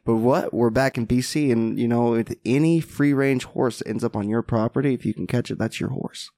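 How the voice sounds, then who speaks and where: A man who is a podcast guest and mindset mentor, telling a parable in an animated, casual way and often asking "right?". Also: medium pitch, a little fast, creaky, no echo. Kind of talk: casual storytelling.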